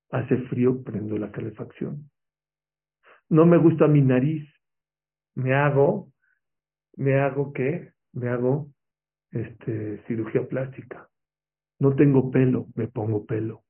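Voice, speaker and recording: A man delivers a motivational religious talk, pressing his listeners with rhetorical questions. His voice has a gravelly, rough edge. The sound is thin and narrow, like a phone line. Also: medium pitch. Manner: emphatic, asks the audience rhetorical questions. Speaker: motivational speaker. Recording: tinny, phone-like lo-fi recording.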